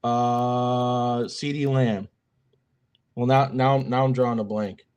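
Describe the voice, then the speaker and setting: A young man co-hosts a casual sports podcast at an ordinary middle pitch. He jokes around, trails off and fills gaps with ums as he argues his picks. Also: fairly even intonation, darkish tone, clean tone. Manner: joking, drawn-out, lots of ums. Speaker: podcast co-host.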